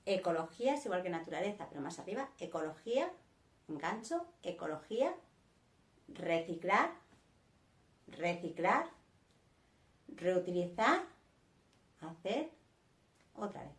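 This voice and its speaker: A woman teaching a vocabulary lesson, saying each word slowly and twice with a Spanish accent. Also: on the low side, big pitch swings, reverberant. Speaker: sign language teacher. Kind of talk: slow vocabulary lesson, naming words one by one.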